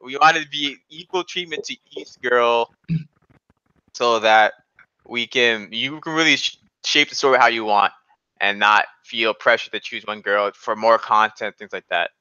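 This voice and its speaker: A young man co-hosting a podcast argues casually, as if among friends, in a forceful, clear voice full of slang and strong opinions. His pitch is medium and his pace moderate. The recording is close and dry but slightly dull, much like an online voice chat.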